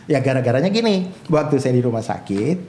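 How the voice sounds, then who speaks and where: A man's voice: medium pitch, brisk, a little hiss or hum. A male pastor, telling his own life story in an interview and acting out the voices of people he quotes. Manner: animated storyteller who acts out quoted voices.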